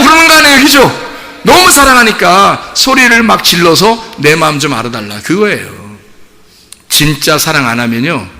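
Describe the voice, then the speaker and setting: A man preaching a Sunday sermon as pastor, animated, moving between loud emphatic bursts and soft chuckling asides. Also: high voice. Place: church sanctuary. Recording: church hall reverb.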